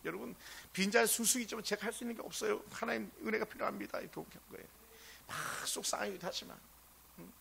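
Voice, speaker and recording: A male pastor preaching a sermon, impassioned and swinging between loud exclamations and hushed asides. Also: sits high, gravelly, breathy edge.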